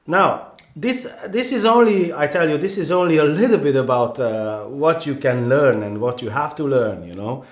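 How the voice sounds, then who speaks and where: In a casual vlog, a native Hungarian speaker with a Hungarian accent gives earnest, rambling photography advice, full of restarts and "you know"s. His voice sits on the high side and is expressive, moving at a normal speed in a roomy-sounding space.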